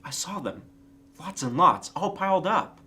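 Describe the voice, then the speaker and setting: A man voicing Piglet, high timid little pig. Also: expressive, unhurried, bright, forceful tone. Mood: eager. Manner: hesitant, polite, earnest. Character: small, timid, anxious young piglet, male.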